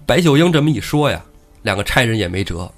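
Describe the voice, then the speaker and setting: A man's voice: medium pitch, fast, soft background music. A man hosting a podcast, retelling a classic tale casually and acting out its characters. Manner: lively, acts out characters. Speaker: podcast host and storyteller. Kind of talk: casual storytelling.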